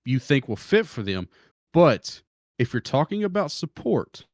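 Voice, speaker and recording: A man's voice: on the high side, big pitch swings, measured pace, darkish tone, dry recording, clean studio sound. Insistent man on a choppy, cutting-out call. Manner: insistent, keeps cutting in to hold the floor. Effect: choppy call audio that keeps cutting out. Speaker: IT business owner on a podcast panel. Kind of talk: casual panel chat. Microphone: remote internet call.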